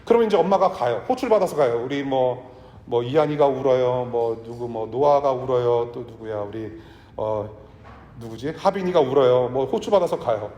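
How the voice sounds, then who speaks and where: A man preaching a sermon to his congregation in a church, talking in a conversational way and sometimes dropping to a hush. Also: mid-range voice, lively intonation, moderate pace, highs cut off. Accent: Korean with English words mixed in. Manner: conversational preaching, drops to a hush for tender lines. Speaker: pastor. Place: church sanctuary. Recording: echoey church hall.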